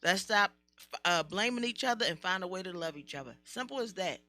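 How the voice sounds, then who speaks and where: A woman's voice: medium pitch, animated, brisk, sharp tone, soft background music. An American woman co-hosting a casual podcast, blunt and slangy, swearing freely, with slightly slurred, lisping speech from wearing retainers. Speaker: podcast co-host.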